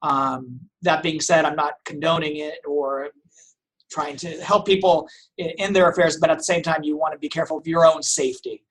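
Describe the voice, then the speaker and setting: Halting, thoughtful man from Portugal. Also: a little high, fairly even intonation, fairly bright tone. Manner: thoughtful, halting with many restarts and fillers. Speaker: family law attorney guest. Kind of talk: conversational podcast interview.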